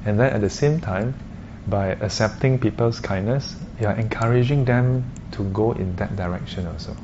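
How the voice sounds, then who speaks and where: Someone with a Singaporean accent speaking casual colloquial Singlish while gently advising a group. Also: medium pitch, moderate pace. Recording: noisy, muffled live room recording.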